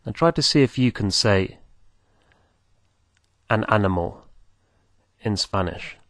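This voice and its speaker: A man teaching beginners, speaking slowly and patiently, repeating words for the listener to copy. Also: lowish voice, animated, fairly bright tone, no room sound, studio quality. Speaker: language teacher. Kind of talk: slow, patient teaching with pauses.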